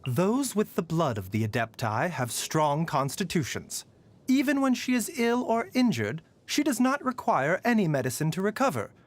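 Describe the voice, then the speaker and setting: A male actor voices a soft-spoken, courteous video game pharmacist who is gently wry and weary, delivering voicelines over background music. His fairly high voice is very animated, yet his phrasing stays measured, courteous and mildly teasing.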